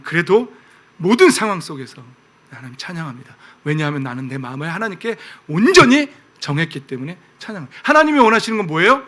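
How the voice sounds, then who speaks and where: A man pastor giving a lively, conversational sermon, often asking the congregation questions. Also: a little high.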